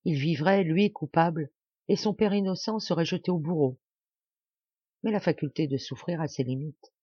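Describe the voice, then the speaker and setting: A woman narrating a classic novel as an audiobook, with an expressive, dramatic reading style. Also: deep voice, moderate pace, breathy edge, no echo, highs cut off. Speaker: audiobook reader.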